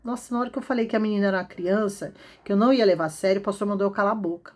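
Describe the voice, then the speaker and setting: A woman's voice: medium pitch, rapid-fire. A woman with a Brazilian accent telling a personal testimony in a casual, emotional way, repeating phrases for emphasis.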